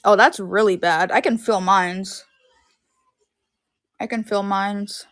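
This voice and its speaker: A woman's voice: medium pitch, fairly even intonation, slow, a bit bright, no echo. A woman in her thirties chatting casually and rambling on a live stream from her room at home, filling her talk with "like". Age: 30s. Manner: rambling, heavy use of "like".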